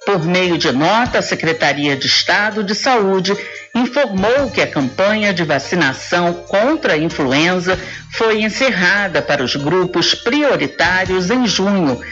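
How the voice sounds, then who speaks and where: A woman's voice: on the low side, animated, measured pace, fairly bright tone, dull audio, faint music behind. A woman with a Brazilian accent reading a scripted news report as a reporter.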